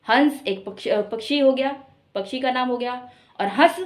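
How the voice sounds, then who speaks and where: Woman teaching a Hindi class, slightly high voice. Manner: explains step by step, stretching example words slowly for emphasis. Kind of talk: online class lecture.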